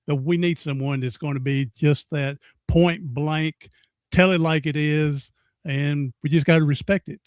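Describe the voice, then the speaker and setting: A podcast host in his sixties runs a casual interview chat in a folksy, rambling way, often repeating himself. His voice is fairly high with a steady tone, a little slow, and the recording has no room sound.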